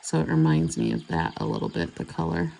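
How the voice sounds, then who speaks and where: A woman's voice: very deep voice, huge pitch swings, brisk, vocal fry, warm tone, a little hiss or hum. A woman chatting casually and rambling as she does her nails. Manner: chatty, rambling, self-correcting. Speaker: nail vlogger. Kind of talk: casual chat while doing nails.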